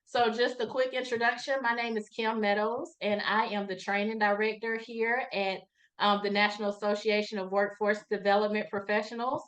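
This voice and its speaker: A woman's voice: mid-range voice, flat delivery, normal speed, fairly bright tone. Host: woman, friendly, casual with fillers, mid-range voice. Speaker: webinar host. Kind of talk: webinar introduction.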